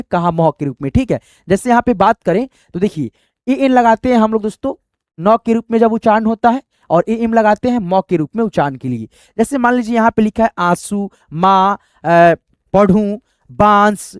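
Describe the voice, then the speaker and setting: A man's voice: high-pitched, darkish tone, no echo, studio quality. A man teaching a spoken lesson, patiently spelling out letters one by one.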